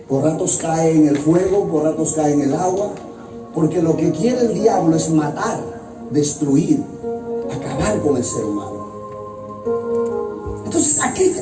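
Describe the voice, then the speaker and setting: A man, an evangelist pastor, preaching an impassioned sermon that swings between loud high exclamations and low hushed phrases. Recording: roomy and distant with loud music. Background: loud music.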